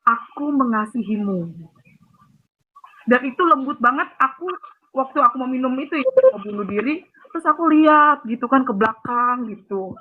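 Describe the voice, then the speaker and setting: High-pitched betawi woman, phone call, lively storytelling, acts out the voices, thin phone sound. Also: fairly quick. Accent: Betawi Jakarta. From Jakarta, Indonesia. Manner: animated storytelling, acting out others' lines. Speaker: guest giving a testimony. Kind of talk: personal testimony over a phone call. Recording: tinny phone line with faint noise.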